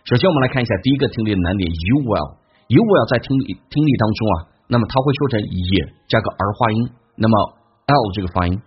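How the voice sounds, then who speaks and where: A man teaching an English listening and pronunciation lesson, explaining quickly and then slowing right down to model sentences. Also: fairly low pitch, sing-song, lo-fi sound, a little hiss or hum. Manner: switches between quick Mandarin explanation and slow, drawn-out English model sentences.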